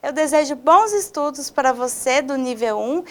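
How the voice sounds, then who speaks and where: A woman teacher with a Brazilian Portuguese accent, giving an online video lesson and explaining slowly with frequent check-in questions. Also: sits high, animated, a bit bright.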